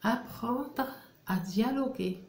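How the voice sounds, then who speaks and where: A woman teacher, slowly drilling French syllables for young children and repeating each one. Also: on the high side, a little mellow. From Algeria. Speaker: primary school French teacher. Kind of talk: reading lesson for young children. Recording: roomy echo.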